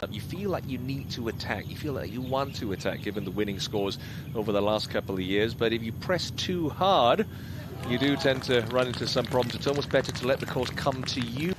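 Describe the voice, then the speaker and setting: A man's voice: medium pitch, fairly quick, noisy background. A man giving live, analytical golf commentary on a tournament.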